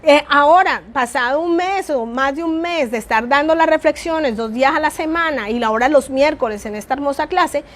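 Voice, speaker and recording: A middle-aged woman with a naturally soft voice, teaching an online church class and shifting her tone and volume for emphasis. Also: high voice, normal speed, hardly any pauses. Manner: varies tone and volume for emphasis, addresses listener as "mi amado".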